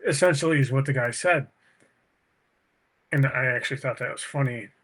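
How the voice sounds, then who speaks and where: A man's voice: mid-range voice, normal speed, a bit bright. A man co-hosting a podcast in casual chat, rambling and swearing, prone to tangents. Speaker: podcast co-host.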